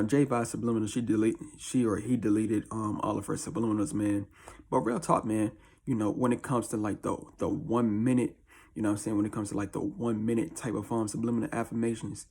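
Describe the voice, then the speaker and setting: A man with a deep, husky early-morning voice, chatting casually as a video host in a slangy, repetitive way. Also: darkish tone. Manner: slangy, informal, repeats catchphrases. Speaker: YouTube host. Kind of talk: casual chat to camera.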